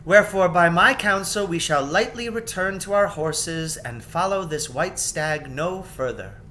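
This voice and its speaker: A man's voice: animated, measured pace, sharp tone. A man voicing a grave, gracious young queen in a storybook fantasy, speaking in formal, stately, archaic phrases. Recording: background noise with low rumble.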